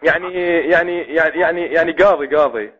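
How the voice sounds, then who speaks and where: Husky, fast-talking Iraqi man over the phone. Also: fairly high pitch, a bit bright. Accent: Iraqi Arabic. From Iraq. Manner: stammering, repeating phrases, mock-earnest nonsense questioning. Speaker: prank caller. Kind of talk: phone call, speaking over the phone. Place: on a phone line. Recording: dull lo-fi phone call.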